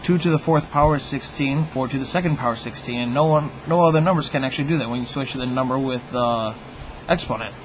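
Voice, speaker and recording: Wry man with a higher-middle lo-fi voice. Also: fast, a little hiss or hum. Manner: wry, mock-opinionated, tongue-in-cheek. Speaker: video host. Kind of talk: humorous monologue to viewers.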